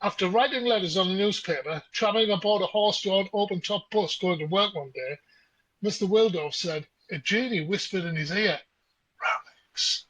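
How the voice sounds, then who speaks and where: Podcast co-host, male, higher voice, a relaxed yarn-spinner. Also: brisk, dry recording, rough recording. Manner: chatty storyteller. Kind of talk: casual chat.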